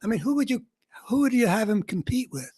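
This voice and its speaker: A man with a somewhat husky, slightly breathy voice talks through a political commentary monologue as a radio host. He sounds earnest and searching, working his thoughts out aloud in long, winding sentences. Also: very high-pitched, very animated, fairly quick, darkish tone.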